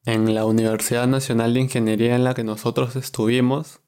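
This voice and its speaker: A man's voice: mid-range voice, little pitch movement, fairly quick, a little mellow, clear, resonant tone. A man in his twenties with a Peruvian Spanish accent, hosting a podcast in casual, chatty talk and laughing easily. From Peru. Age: 20s. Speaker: podcast host.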